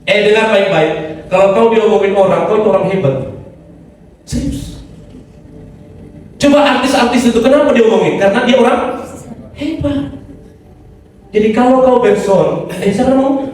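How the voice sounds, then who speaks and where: Middle-aged male pastor, high voice, loose joking sermon, picked up from afar in a big echoey hall. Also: normal speed, pauses often, darkish tone, a little hiss or hum. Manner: joking, conversational preaching. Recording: echoey hall, distant mic.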